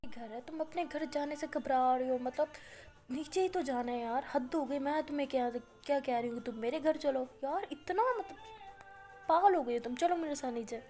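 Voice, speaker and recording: A woman's voice: high-pitched, moderate pace, a little mellow, faint music behind, lightly acted. A woman voicing a teasing, bossy young woman, in a told story. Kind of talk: storytelling with voiced characters.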